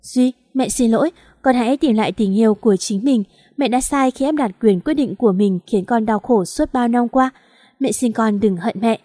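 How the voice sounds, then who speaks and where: A woman's voice: on the high side, normal speed, mellow, dry recording, clean studio sound, close to an everyday voice. A woman voicing a domineering older mother, now imploring and full of regret. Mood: remorseful.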